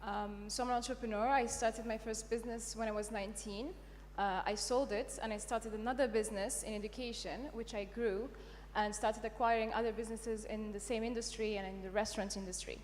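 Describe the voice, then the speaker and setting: A woman's voice: fairly high pitch, fairly even intonation, brisk. Young woman from morocco, entrepreneur, confident self-introduction, long hall reverb, faint hum. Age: young adult. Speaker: entrepreneur panelist.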